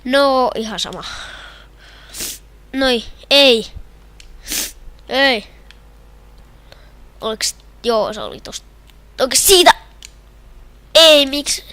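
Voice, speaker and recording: A young woman with a Finnish accent commenting on her own hockey video game match, shouting and groaning at the plays. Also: sits high, lively intonation, pauses often, dry recording. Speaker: gamer. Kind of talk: gameplay commentary.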